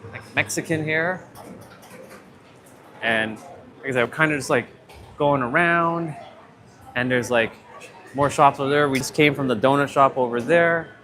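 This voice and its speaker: A man's voice: mid-range voice, unhurried, pauses often. A man vlogging a casual walking tour of an outdoor shopping plaza, rambling with many fillers, his voice run through noise cancellation with noise reduction artifacts. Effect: noise cancellation processing with noise reduction artifacts.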